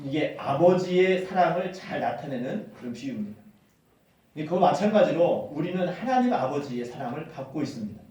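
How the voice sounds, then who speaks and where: Animated male pastor preaching in a hall. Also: fairly high pitch, a little fast. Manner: animated storytelling, acts out quotes. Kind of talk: sermon. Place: church hall. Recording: echoey hall from far off.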